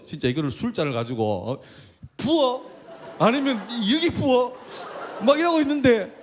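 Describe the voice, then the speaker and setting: A man's voice: sits high, slightly rough. A middle-aged man preaching a storytelling sermon as pastor and school chaplain, acting out the voices of the people he quotes. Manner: animated, acts out quoted voices. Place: church sanctuary.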